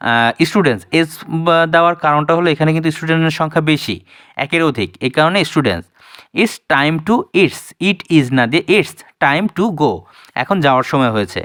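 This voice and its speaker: A man's voice: fairly high pitch, expressive, quick pace, fairly bright tone, smooth, no echo, studio quality. A young man teaching a primary English lesson online, explaining patiently and repeating each word before translating it.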